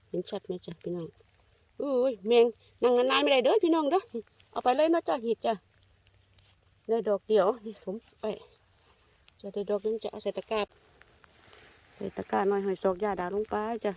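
An older Thai woman with an Isan accent, narrating a casual foraging vlog in a forest and chatting warmly to her viewers. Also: fairly high pitch, lively intonation, brisk, vocal fry, long pauses, dry recording. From Thailand. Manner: chatty, warmly addresses viewers as kin, sweet polite endings. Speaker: vlogger. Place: forest outdoors.

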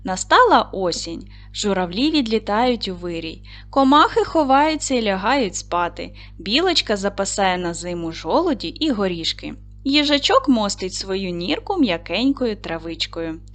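A woman's voice: mid-range voice, very animated, normal speed, few pauses, a bit bright, soft background music. A woman teacher giving a lesson to second graders, talking patiently and addressing the children directly. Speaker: primary school teacher.

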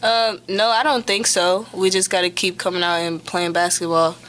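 Brief: young woman basketball player at the presser table, bright and fairly low voice, even delivery, faint room hiss. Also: normal speed. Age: young adult. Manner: plain and steady, starting answers with "um". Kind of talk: postgame press conference answers. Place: press room in front of a sponsor backdrop. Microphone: table mic on a stand.

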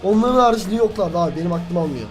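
A young man giving live commentary on a team battle game, excitable, cursing and shouting at his teammates. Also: sits high, quick pace, faint music behind. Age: young adult. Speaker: gaming youtuber.

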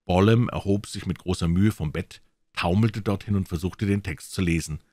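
A man reading a classic crime story aloud with dramatic, expressive narration. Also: sits low, normal speed, no room sound. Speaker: audiobook reader.

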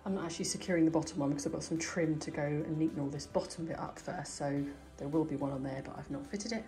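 Here the same UK DIY vlogger keeps a steady, mellow tone but talks fast, still chatty and musing aloud over a casual hands-on tutorial. Her low-ish voice is captured by a handheld phone or camera aimed at her hands indoors, in a home hallway and staircase. Faint music sits in the background.

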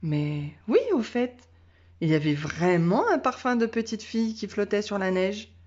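A woman teacher reading a children's storybook aloud in a calm, measured way. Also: mid-range voice. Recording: dull lo-fi sound.

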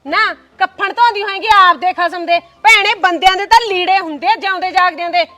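A woman's voice: very high voice, steady tone, a little fast, bright, forceful tone. A woman with a Punjabi accent acting a stubborn sister-in-law who argues and taunts in a comedy short film. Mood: arguing. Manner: argumentative, taunting. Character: stubborn elder sister-in-law, bickering, defiant.

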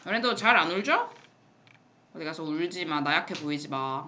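A woman teaching an English lesson in a classroom, explaining phrases in Korean and reading example sentences slowly, with blunt, playful asides to her students. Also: low voice, expressive, pushed and bright, slight background noise.

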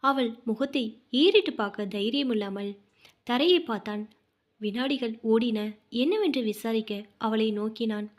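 A woman narrating a family drama story in a dramatic, expressive reading. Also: on the high side, a little slow.

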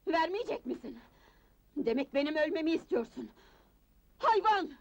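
A woman's voice: high-pitched, big pitch swings, normal speed, darkish tone. An actress playing a desperate young woman addict who begs, sobs and screams in a 1980s film drama. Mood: frantic screaming. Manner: pleading, sobbing, screaming. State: crying. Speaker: film character. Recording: old film soundtrack with music.

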